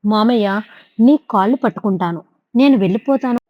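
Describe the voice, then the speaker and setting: A woman's voice: mid-range voice, brisk, dry recording, lightly acted. A woman voicing a tearful pleading young woman. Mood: desperate. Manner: choked, pleading. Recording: dull lo-fi recording.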